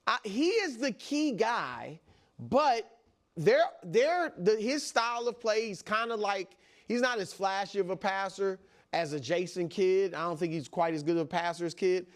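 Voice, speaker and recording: High-voiced male sports analyst. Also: expressive. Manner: measured, agreeable interjections. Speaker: sports debate co-host. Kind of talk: studio sports debate.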